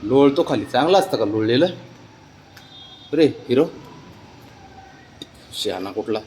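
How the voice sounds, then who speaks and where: A man outdoors coaxes his cat along in fond baby talk, gently scolding it now and then. His voice sits at an ordinary middle pitch. A faint hum of outdoor ambience stays behind him. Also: animated, measured pace. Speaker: vlogger walking his pet cat. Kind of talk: casual talk to a pet. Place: outdoors, in sun and shade.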